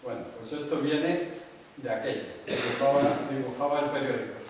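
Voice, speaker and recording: A man's voice: mid-range voice, brisk. A man who grew up in the Canary Islands gives an anecdotal talk at a conference, wandering through stories with frequent restarts and asides to the audience. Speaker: visiting artist giving a talk. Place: large echoey hall with an audience. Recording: echoey hall, voice from far off, faint noise.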